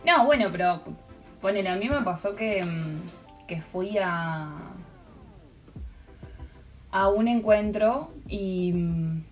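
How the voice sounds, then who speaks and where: A woman's voice: mid-range voice, lively intonation, slow, pauses often, muffled recording, faint music behind. A young woman with an Argentine Spanish accent chatting casually, rambling through stories with lots of fillers. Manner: rambling storyteller with many fillers. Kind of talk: casual chat.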